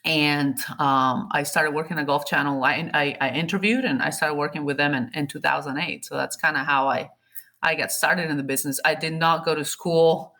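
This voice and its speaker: A woman's voice: sits low, steady tone, moderate pace, pushed and bright. A woman in her forties from Colombia, speaking, chatting candidly as an interview guest and often correcting herself mid-sentence. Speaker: guest, golf TV producer. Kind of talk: casual interview chat.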